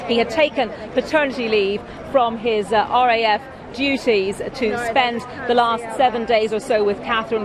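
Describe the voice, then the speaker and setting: A woman reports breaking news live from outdoors in a fairly high voice. She improvises a little haltingly as updates reach her, with a clearly audible crowd behind her. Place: outdoors outside a hospital. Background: large cheering crowd.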